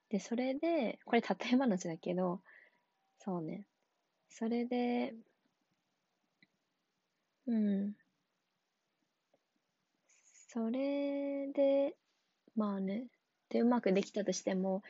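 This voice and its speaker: A young adult woman talking casually on her own, relaxed and rambling, with many fillers and frequent laughs. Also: medium pitch, vocal fry, husky, no echo, highs cut off. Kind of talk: casual solo talk.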